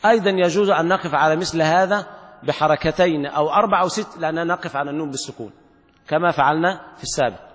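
Male sheikh, teaching a class on recitation rules; fairly high voice, reverberant hall sound. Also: a bit bright. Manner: slow, drawn-out demonstrations of recitation; asks the class questions. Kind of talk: classroom lecture explaining a text. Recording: long reverb of a large hall.

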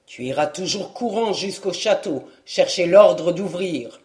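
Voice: mid-range voice, expressive, unhurried, a little mellow, natural voice. Audiobook: reader doing a wounded, commanding captain, firm orders. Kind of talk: audiobook reading.

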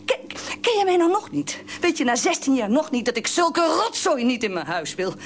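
An actress playing a fierce, nagging middle-aged wife who scolds shrilly and repeats herself in a radio drama. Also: female voice, sits high, sing-song, moderate pace, a little hiss or hum. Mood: angry scolding.

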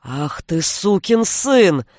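A woman's voice: mid-range voice, expressive, unhurried, darkish tone, no room sound, studio quality, natural voice. A woman reading an audiobook, voicing a fierce, defiant young forest witch who speaks with an angry, raised voice. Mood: furious.

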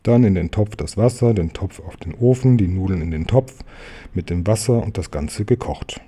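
A man calmly reading a children's story aloud. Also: low-pitched, normal speed, husky. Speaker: storybook reader.

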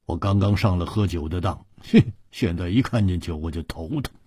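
A man's voice: on the low side, lively intonation, normal speed, mellow, no echo, clean studio sound. A man voicing a hot-tempered, hard-drinking swordsman who mocks and grumbles. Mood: grumbling. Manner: mocking, gruff, laughing.

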